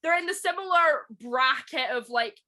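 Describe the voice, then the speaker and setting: A Scottish woman talking in a relaxed, chatty way, peppering her speech with swearing and "like". Her voice sits fairly high with a bright, forceful edge. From Scotland. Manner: swears freely, quick emphatic asides with many "like" fillers. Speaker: podcast co-host. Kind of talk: casual chat.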